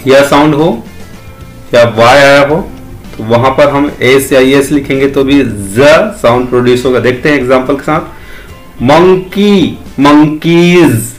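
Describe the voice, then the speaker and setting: A man teaching English pronunciation in a slow lesson, saying single sounds and words one at a time in drills. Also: mid-range voice, steady tone, soft background music.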